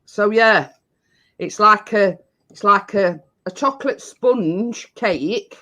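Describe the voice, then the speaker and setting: A woman hosting a home baking live stream talks in an easygoing, unhurried way. She circles back and repeats herself as she explains. Her delivery is loose and chatty. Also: medium pitch, bright, forceful tone. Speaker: baking show co-host. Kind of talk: casual live-stream chat.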